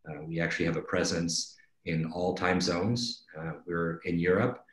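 A middle-aged company executive presents a webinar from indoors on a video call, explaining things conversationally and often checking in with "right?". His voice is low and level at a moderate pace. The video-call mic gives roomy, echoing audio.

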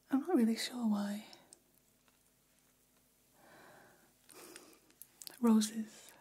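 In an ASMR role-play, a woman plays an elegant vampire hairstylist, whispering salon gossip close to the mic in a very breathy, mellow, fairly high voice. The heavily acted delivery is slow and soothing, with a soft, admiring mood.

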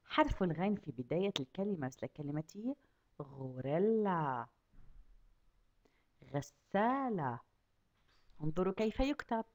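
A woman teaching a kindergarten class, asking the children questions and drawing out each word slowly so they can repeat it. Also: on the low side, big pitch swings, a little mellow. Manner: asks children questions and stretches out words slowly to model them. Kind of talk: lesson for young children.

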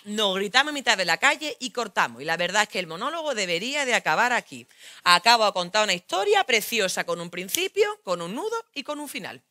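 A woman's voice: medium pitch, sing-song, brisk, sharp tone. A woman with a Spain Spanish accent performing a theatrical monologue, telling her story frankly and crudely, straight to the audience.

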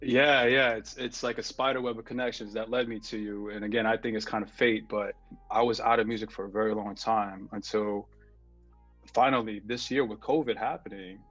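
A man's voice: lowish voice, fairly even intonation, moderate pace, a bit bright, no echo, muffled recording. A man, a music producer chatting loosely on a video call, rambling with lots of fillers and slang. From New York. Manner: laid-back, rambling, slangy, with many fillers. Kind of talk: casual interview on a video call.

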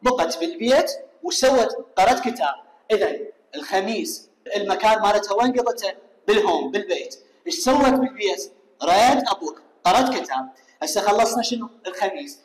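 A man with an Iraqi Arabic accent, an English teacher explaining a lesson step by step and firing quick questions at his students. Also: high-pitched, expressive. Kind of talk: classroom explanation. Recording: echoey room with long reverb.

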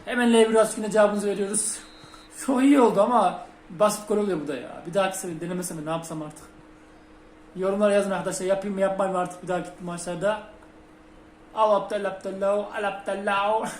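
A young man commentating his own football video game, muttering between plays and shouting at goals. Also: high-pitched, fairly even intonation, a little fast, long pauses, slight background noise. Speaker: gaming channel host. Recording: roomy home recording with game music behind.

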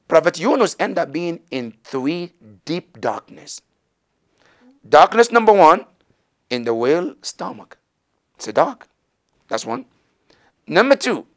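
A middle-aged man with a fairly high voice narrates a religious story as a teacher would, gesturing and performing the voices of those in it. He wears a lapel mic in a small indoor studio set with banners.

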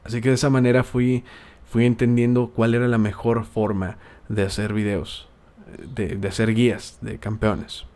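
A man's voice: on the low side, level tone, normal speed, darkish tone. A man from Tijuana with a Mexican accent, hosting a casual podcast and giving friendly, rambling advice with frequent hesitations. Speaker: podcast host and video maker.

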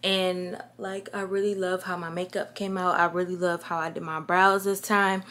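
A woman's voice: lowish voice, level tone, moderate pace, fairly bright tone. A woman in her twenties with a Chicago accent, chatting casually to camera in an upbeat way. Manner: chatty, upbeat, says "y'all" and "like" often. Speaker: vlogger. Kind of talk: casual vlog talk to camera.

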